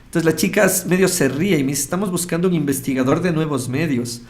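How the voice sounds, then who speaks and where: A fast talker with a slightly high, a little mellow voice, this radio host is the guest in an interview. In his Ecuadorian Spanish accent he tells a personal story casually, acting out snippets of what people said.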